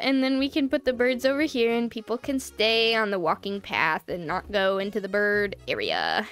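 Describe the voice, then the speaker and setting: A gaming YouTuber with a high-leaning, fairly bright, clear, resonant voice gives chatty let's-play commentary while building in a game. She giggles and laughs often, talking through hiccups that leave her voice strained.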